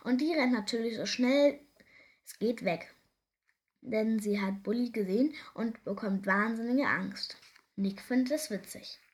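A woman reading a children's story aloud, gentle and expressive, sometimes dropping to a soft whisper. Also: a little high, a little slow.

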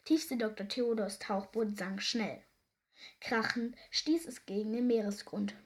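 A young woman reading a children's story aloud, lively and expressive. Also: mid-range voice, a little slow. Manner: lively, warm storybook narration.

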